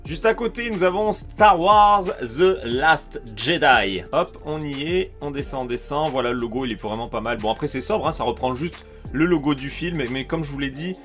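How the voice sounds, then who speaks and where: Here the same French collectibles YouTuber chats his way through a shopping site on screen, eager and full of fillers. His slightly bright voice sits on the high side, moving at a normal clip with barely a pause while faint music plays behind.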